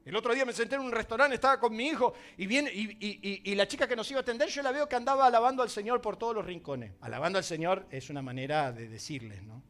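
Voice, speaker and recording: A male pastor with an Argentine accent preaching a sermon, swinging from loud emphasis to quiet, confiding asides. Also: high-pitched, quick pace, few pauses. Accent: Argentine Spanish.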